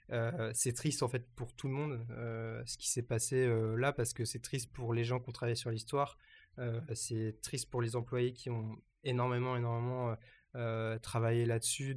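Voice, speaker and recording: A man talks through the week's news in a relaxed, unscripted way. He hesitates often and circles back to restart his sentences. His pitch sits in the middle range. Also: moderate pace. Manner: hesitant, many fillers and restarts. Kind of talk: casual news chat.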